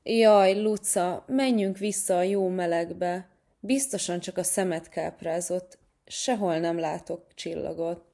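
Cheeky young tomcat in a storybook, lively, teasing big brother, voiced by a woman. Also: fairly low pitch, creaky. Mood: coaxing. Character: cheeky clever young male cat, playful big brother.

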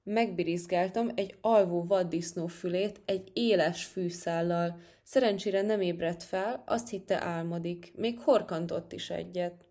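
A cocky young hare from a children's storybook, puffing himself up and bragging about his brave deeds, as a woman reads him. The voice sits a little low and comes across proud and showy. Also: steady tone, dark tone. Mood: boastful. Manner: proud, showing off. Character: boastful young male field hare.

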